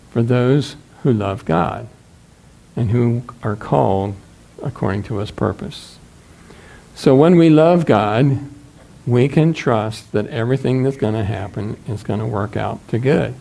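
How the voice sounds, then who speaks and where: A man in his sixties with a Midwestern American accent, preaching a sermon in a small church and reading scripture at a measured pace. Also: mid-range voice, gravelly, mellow. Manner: measured, reads scripture aloud from a booklet. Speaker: pastor.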